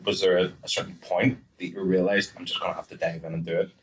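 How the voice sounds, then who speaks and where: Podcast host guy, lowish voice, talks real quick, teasing. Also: level tone, slight background noise, poor audio. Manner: quick, teasing, finishes her points. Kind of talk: casual podcast chat.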